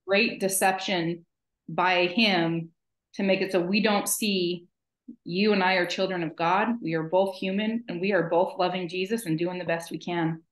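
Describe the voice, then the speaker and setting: A woman's voice: fairly low pitch, steady tone, moderate pace. Earnest woman on an echoey video call. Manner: earnest, emphatic, opinionated. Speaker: podcast co-host. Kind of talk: casual conversational chat. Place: home office, video call.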